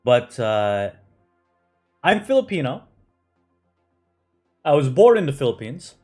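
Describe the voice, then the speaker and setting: A man's voice: medium pitch, big pitch swings, takes it slowly, a little mellow, soft background music. A man who grew up in the United States, chatting casually on a game live stream, answering chat with lots of fillers and "right?" tags.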